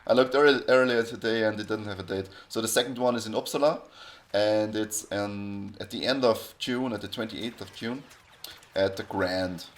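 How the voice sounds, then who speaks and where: Rambling low-voiced podcast host, man. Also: moderate pace. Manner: rambling, frequent restarts and self-corrections. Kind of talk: casual podcast chat.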